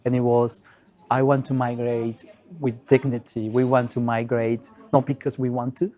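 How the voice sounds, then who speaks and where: A man of middle pitch hosts an interview. He asks his questions loosely and informally, with plenty of "you know" and "um" along the way. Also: level tone, normal speed, dark tone. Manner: casual, with fillers like "you know" and "um". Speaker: interviewer, host. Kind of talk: conversational interview.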